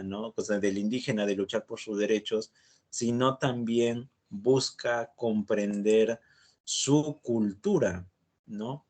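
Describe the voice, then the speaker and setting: A man from Lima with a Limeño Peruvian accent, teaching a literature class in a chatty way and tagging his sentences with "¿no?". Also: on the low side. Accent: Limeño Peruvian Spanish. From Lima, Peru. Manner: chatty, tags sentences with "¿no?" and "justamente".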